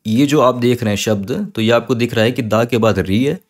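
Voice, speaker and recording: A man teaching an online Sanskrit lesson, patiently spelling words out slowly, sound by sound. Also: mid-range voice.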